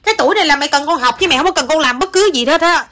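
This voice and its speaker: In a casual home video, a mother talks to her young child, switching between teasing and scolding and sprinkling in English words. Her high, bright voice is animated and forceful, and she speaks at a racing pace.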